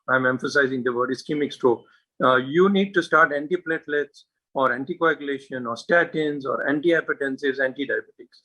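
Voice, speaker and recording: This neurologist, a man whose voice is a little high, pushed and bright, gives an earnest, emphatic medical talk full of "uh" and "you know" fillers and rhetorical questions. The audio quality is poor.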